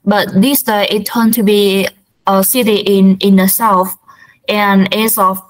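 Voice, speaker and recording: Young vietnamese-accented woman, slow, lots of uh and um, on a call. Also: medium pitch, level tone, rough recording. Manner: hesitant, many fillers and restarts. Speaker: student. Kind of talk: practice speaking answer.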